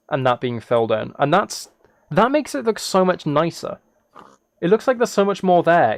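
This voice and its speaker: A medium-pitched man comes through with a clean, dry studio sound. As he games on his livestream, he reads chat and chats casually, rambling and thinking out loud.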